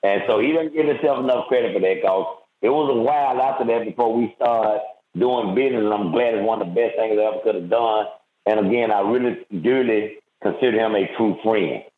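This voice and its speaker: A man's voice: on the low side, a little fast. A man who owns a restaurant, calling into a casual podcast interview and speaking in a heartfelt, sincere way. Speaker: restaurant owner guest. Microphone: phone. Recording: tinny echoey phone line.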